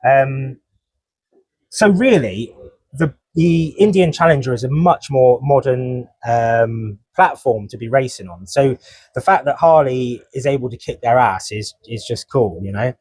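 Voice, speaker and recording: A podcast co-host talks casually about motorcycle racing at a motorcycle dealership event, consulting his notes as he goes. He speaks at a measured pace in a mid-range, slightly mellow voice with a breathy edge, and the recording is dry.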